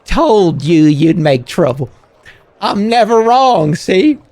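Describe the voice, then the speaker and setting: A man's voice: high-pitched, big pitch swings, slow, a little mellow, no echo, pitched above the performer's own voice, exaggerated voice. A man voicing a squat, fearful game creature, a reluctant fortune teller who talks hesitantly and evasively. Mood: fretful, pleading. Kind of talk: voiced game character on a livestream.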